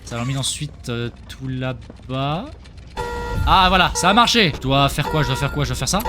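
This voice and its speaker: A man's voice: mid-range voice, normal speed. A man hosting a let's play video, reacting to a horror game with yelps, swearing and running commentary. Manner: excitable, swearing, yelping reactions. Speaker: gaming video host. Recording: gameplay audio with loud music behind.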